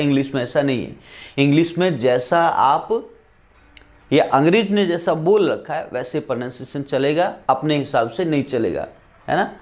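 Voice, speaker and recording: A man teaching an English lesson, drilling examples over and over and asking rhetorical questions. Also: a little high. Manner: spells out words letter by letter.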